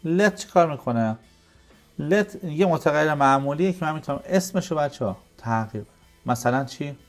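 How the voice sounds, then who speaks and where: Man teaching code over soft music. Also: on the high side, expressive. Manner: explains step by step, asks and answers his own questions. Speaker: programming teacher. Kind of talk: screen-recorded coding tutorial.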